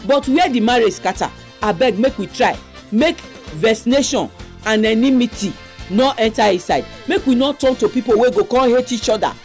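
A woman's voice: on the high side, animated, normal speed, darkish tone, faint music behind. A woman with a Nigerian accent, hosting a religious radio program and addressing listeners with exhortations and announcements.

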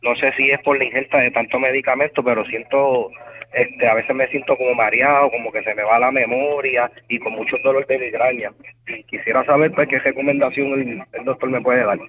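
A man's voice: medium pitch, fairly even intonation, brisk. Hesitant Puerto Rican man on the phone. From Puerto Rico. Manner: hesitant, many fillers. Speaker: caller. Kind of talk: call-in question. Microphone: telephone. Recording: tinny phone line.

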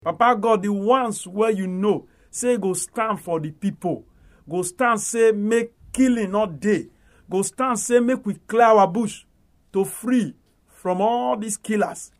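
High-pitched Nigerian pastor praying in Pidgin. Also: male voice, slow pace.

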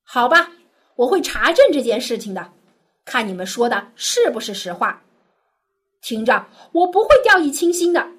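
A woman voicing a stern, commanding man of high rank in a children's Bible story, her voice breathy. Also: big pitch swings, normal speed. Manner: severe, commanding. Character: stern powerful male governor testing brothers.

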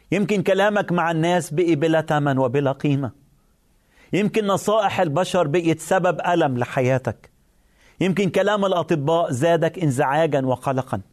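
A man with an Egyptian Arabic accent delivers a sermon in a somewhat high voice. He speaks earnestly and builds on repeated phrases. He addresses the listener directly throughout. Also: darkish tone. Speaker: preacher.

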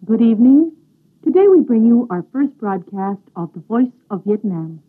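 A woman's voice: fairly high pitch, sing-song. Woman on an old 1968 radio recording. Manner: slow, deliberate station announcing. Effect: old 1968 shortwave radio recording. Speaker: radio announcer. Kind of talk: formal broadcast announcement. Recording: tinny old radio broadcast with music.

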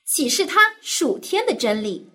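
High-pitched woman reading a story to small children. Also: sing-song, measured pace, breathy edge. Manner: gentle, simple storytelling as if reading to a toddler. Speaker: children's Bible story host.

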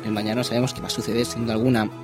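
Fast-talking radio host, music under. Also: male voice, mid-range voice, little pitch movement. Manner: asks questions for the listeners. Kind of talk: radio interview questions.

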